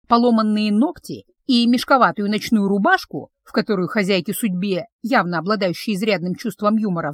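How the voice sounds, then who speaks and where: A woman reading a first-person fantasy audiobook with expressive storytelling. Her pitch rises and falls vividly through each line. The sound is close and completely dry. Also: dry recording. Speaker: audiobook narrator.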